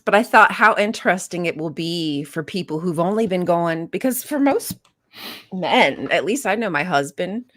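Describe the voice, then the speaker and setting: A woman's voice: on the low side, expressive, normal speed, fairly bright tone. A female podcast co-host in casual chat, chatty and encouraging.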